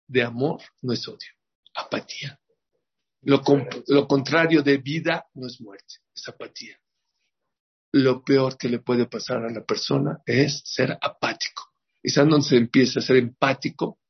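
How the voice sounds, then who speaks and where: A man's voice: medium pitch, breathy edge, dull audio. A man, a rabbi teaching a religious lesson who keeps asking his listeners rhetorical questions. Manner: lively, asks the audience rhetorical questions. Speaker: rabbi teaching a Torah class.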